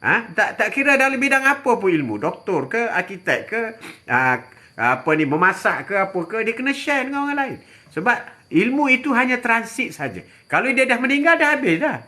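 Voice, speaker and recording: Lively older man giving religious advice. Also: very high voice, normal speed. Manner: chatty, repeats phrases, frequent "ha" interjections. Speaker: religious teacher. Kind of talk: live-stream religious advice, answering viewers.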